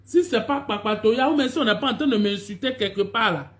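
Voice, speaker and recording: A woman's voice: fairly high pitch, a little fast. A woman, an actress chatting on a phone live stream, scolding and complaining to her followers and greeting them over and over. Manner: scolding, complaining, repeats greetings and "my dears" to viewers. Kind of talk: casual live-stream chat.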